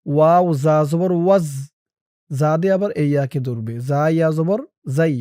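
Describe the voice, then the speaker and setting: A Quran recitation teacher spells out Arabic letters and vowels, with brisk explanations between slow, drawn-out chanting of the verse. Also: mid-range voice, dark tone, clean tone, dry recording, clean studio sound.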